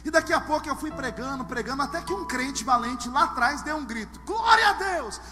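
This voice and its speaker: A man preaching a sermon to a live congregation, telling humorous stories and swinging from hushed asides to shouted lines. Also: very high voice, fairly quick. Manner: humorous storytelling. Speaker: pastor. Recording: long hall reverb with music underneath.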